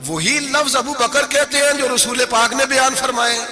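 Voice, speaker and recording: High-voiced man preaching with dramatic bursts. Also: steady tone. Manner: dramatic storytelling with sudden loud outbursts. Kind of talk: sermon.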